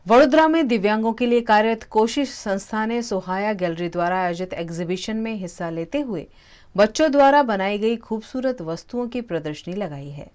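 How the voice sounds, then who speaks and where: A woman news anchor reading bulletin items in a crisp, formal way. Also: mid-range voice, darkish tone.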